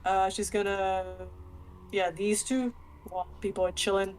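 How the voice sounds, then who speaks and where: A woman's voice: medium pitch, level tone, a little slow, darkish tone, a little hiss or hum. A woman chatting casually as a tabletop role-playing player, hesitant and thinking aloud as she decides. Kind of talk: casual game chat.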